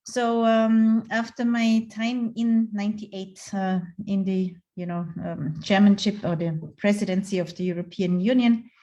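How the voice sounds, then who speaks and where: A woman's voice: mid-range voice, fairly even intonation, measured pace, few pauses, mellow, dull audio. A woman in her fifties from Austria, giving a reflective online career talk with frequent restarts and fillers, heard over a video call. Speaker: guest speaker.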